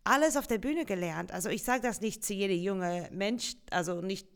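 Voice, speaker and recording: Australian woman, German learner, mid-pitch voice, chatty interview guest, frequent laughter. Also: moderate pace, clean tone. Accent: Australian English. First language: English. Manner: lively storyteller, laughs often, simple non-native phrasing. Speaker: musical theatre performer, guest. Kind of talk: casual interview chat.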